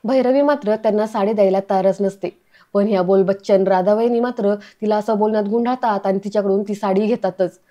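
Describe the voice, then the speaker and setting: A woman narrating an episode recap of a family serial in a plain, steady storytelling manner. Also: mid-range voice, brisk.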